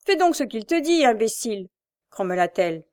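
A woman's voice: a little high, sing-song, unhurried, darkish tone. A woman voicing a coarse, scheming old mother who grumbles and coaxes, in a storybook reading. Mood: grumbling. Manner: grumbling, coaxing.

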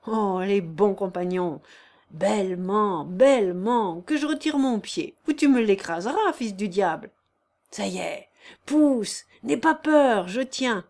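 A woman voicing a brusque, cheerful male peasant worker who talks bluntly and loudly. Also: mid-range voice, lively intonation, unhurried. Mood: rallying. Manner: hearty, blunt, loud.

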